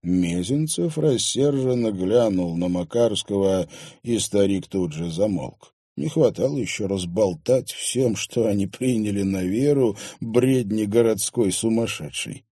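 Man reading an audiobook, mellow and husky. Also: a little slow, dry recording, studio quality. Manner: shifts pitch up for dialogue, lively delivery. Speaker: audiobook narrator. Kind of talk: audiobook reading with voiced characters.

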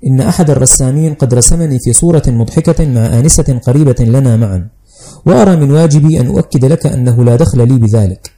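A man's voice: mid-range voice, fast talker, warm tone, natural voice. A man voicing a fussy, fearful older male schoolteacher who lectures anxiously and primly, in an audiobook reading. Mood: nervous lecturing.

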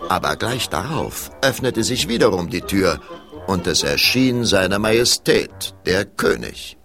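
A dramatic storyteller for a children's ghost play. His lowish voice rises and falls with huge animation through ornate storybook sentences, with music behind. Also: sing-song, unhurried, gravelly, fairly bright tone, full character voice. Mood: dramatic, suspenseful. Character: vivid male storyteller of a ghost tale. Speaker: narrator. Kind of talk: scripted children's audio play narration.

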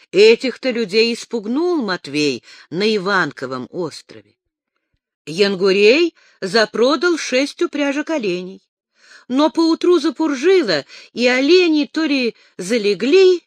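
An audiobook reader narrating a novel chapter in a slow, expressive manner. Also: mid-range voice, no echo. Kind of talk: scripted narration.

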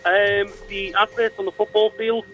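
A man's voice: high voice, flat delivery, normal speed, fairly bright tone, soft background music. A man calling in to a podcast, hesitant and full of fillers. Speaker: caller. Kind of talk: call-in chat.

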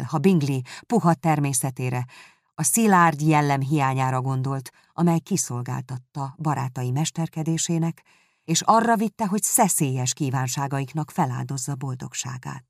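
A woman reading a novel aloud as narrator, calm and measured, close to the mic. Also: low voice, no room sound. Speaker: audiobook reader. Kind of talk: scripted narration.

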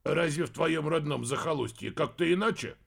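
A man voicing a mild, patient wizard who answers calmly and gently contradicts. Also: a little high, moderate pace, full character voice. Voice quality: gravelly, husky.

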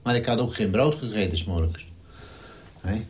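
A man's voice: on the low side, lively intonation, moderate pace, slight background noise. A man in his nineties, a war veteran, telling his story in an interview in a blunt, salty way and acting out the dialogue. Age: 90s. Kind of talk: vivid wartime storytelling interview.

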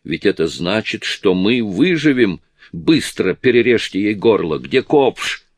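A man voicing a starving, desperate woman who speaks hoarsely and wildly, in an audiobook. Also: lowish voice, big pitch swings, unhurried, no echo, clean studio sound. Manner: wild, urgent pleading.

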